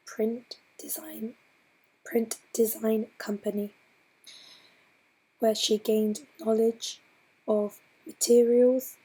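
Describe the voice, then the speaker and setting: A hoarse woman, clearly ill, presents her slides in a breathy, half-whispered voice. She talks slowly and haltingly, restarting phrases as she goes. Her tone is mellow and dark, and her pitch stays flat. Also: rough recording. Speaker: student presenter.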